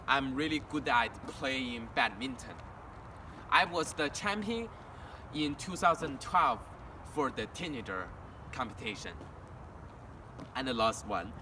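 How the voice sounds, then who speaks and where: A young adult international student from China, a native Mandarin speaker with a Chinese accent, gives a walk-and-talk presentation outdoors in a town near a house and street. His mid-range, sharp-toned voice is halting, with frequent restarts and simple learner grammar. The distant recording picks up traffic noise.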